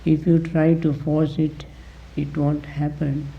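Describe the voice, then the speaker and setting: This guided meditation comes from a male teacher whose gravelly voice is a little high and monotone. He proceeds deliberately in brief phrases with long silences between them, recorded dully.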